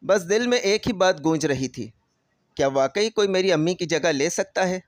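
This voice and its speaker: A man narrating a scripted first-person story in a steady, emotional storytelling manner. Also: sits high, dry recording, clean studio sound.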